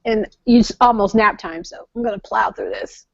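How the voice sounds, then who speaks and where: A woman's voice: mid-range voice, very animated, normal speed, vocal fry, no echo. A woman who produces a podcast, chatting bluntly and playfully and swearing casually. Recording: dry, dull lo-fi audio.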